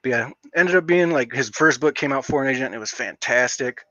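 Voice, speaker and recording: A man hosting a casual livestream, rambling and excitable, with lots of filler words. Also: mid-range voice, fairly quick, no echo. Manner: rambling, excitable, heavy use of "like". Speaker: livestream host. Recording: dull lo-fi dry stream audio.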